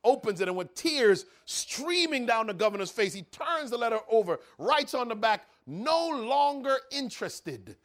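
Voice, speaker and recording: Brief: male preacher, high voice, dramatic sermon storytelling. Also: animated, moderate pace, hardly any pauses, a bit bright.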